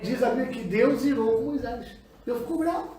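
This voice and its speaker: A man's voice: very high voice, brisk, dark tone, slight background noise. A man preaching a sermon as pastor, pressing the congregation with call-and-response questions. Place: church hall with congregation. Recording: echoey church room, mic far off, congregation.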